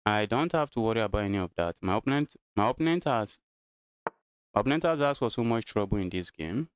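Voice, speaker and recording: A man's voice: on the low side, expressive, fast, smooth, no echo, studio quality. A Nigerian man streaming live chess, thinking his moves aloud and repeating his phrases as he goes. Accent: Nigerian English.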